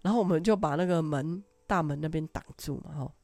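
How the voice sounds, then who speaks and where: A woman's voice: low-pitched, fast, dry recording, soft background music. An older woman, hosting a podcast and telling stories casually, with frequent laughter. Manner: laughs often, animated anecdotal telling. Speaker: podcast host. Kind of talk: casual storytelling.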